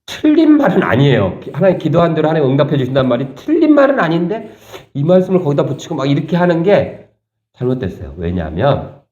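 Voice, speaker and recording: A male pastor preaching a sermon, animated and quizzing his congregation with questions. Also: mid-range voice. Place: church sanctuary. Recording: echoey church room, slightly dull sound.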